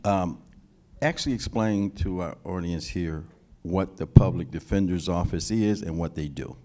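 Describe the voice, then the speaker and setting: A man's voice: low voice, moderate pace, mellow. A man moderating a community question-and-answer session, prompting the speaker with leading questions.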